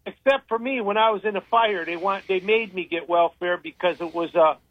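A man's voice: sits high, a little fast, no room sound. Older man, tinny radio, rambling opinions. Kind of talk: casual radio talk. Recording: tinny phone-line radio sound, dry.

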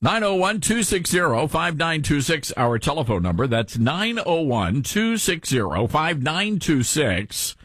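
A man's voice: fairly high pitch, big pitch swings, unhurried, hardly any pauses, a bit bright, husky. A man with a mellowed Southern American accent hosting talk radio in a conversational, folksy way. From Southern US, Tennessee.

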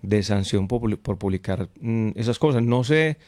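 Here the same kind of chatty late-night radio host, a man with a Colombian accent, talks with listeners and repeats himself often. His pitch sits fairly low, his intonation is lively, and he moves at normal speed with a slightly mellow sound on a dry recording.

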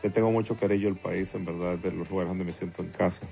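A man's voice: deep voice, steady tone, quick pace, gravelly, mellow. A man from El Salvador, talking as a guest songwriter in a casual interview, hesitant with many fillers and restarts. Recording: dull lo-fi with faint music.

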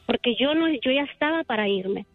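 A woman's voice: a little high, lively intonation, a little fast, dry recording, faint music behind. A woman from El Salvador, a salon owner calling in to a radio show and talking earnestly and at length about her life. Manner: earnest, talkative, emotional storytelling. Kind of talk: casual phone-in chat. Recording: tinny phone line.

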